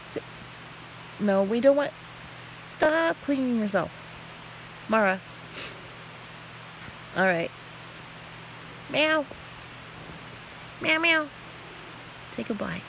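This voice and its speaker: A woman's voice: mid-range voice, slight background noise, poor audio. A woman at home filming her cat, talking to it in playful baby talk and mewing back at it. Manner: playful, laughing, coos and meows at the cat. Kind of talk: casual baby-talk to a pet. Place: home, indoors.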